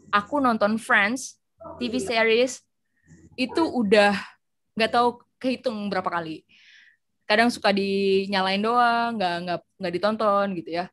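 A woman's voice: on the high side, a bit bright. Chatty young woman teaching English online. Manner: chatty, switches between languages, explains with examples. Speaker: English tutor. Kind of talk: online training session, mixing Indonesian and English.

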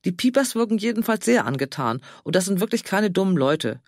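A man voicing a fussy, anxious older man who pleads and frets in a high voice. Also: big pitch swings, fairly quick, darkish tone, no room sound, studio quality, heavily acted. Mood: fretful.

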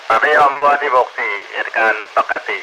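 A man's voice: lowish voice, fairly quick, over a noisy crowd. A man who works as a police station radio operator gives a clipped, formal check-in heard over a walkie-talkie radio. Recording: distant noisy two-way radio transmission.

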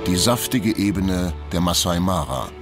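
A man reading scripted nature documentary narration in a measured, factual storytelling manner. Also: deep voice, over music.

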